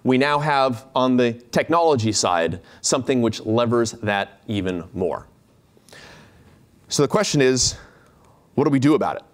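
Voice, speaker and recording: A man's voice: mid-range voice, expressive, normal speed. Man, keynote speaker, lecture hall stage, chatty, jokey, lots of uhs and restarts.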